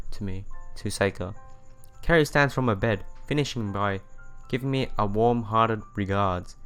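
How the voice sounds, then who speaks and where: Reading a visual novel out loud over background music, a man speaks in a voice on the low side with a bit of brightness. He adds casual remarks and sometimes stumbles, returning to words he fumbled.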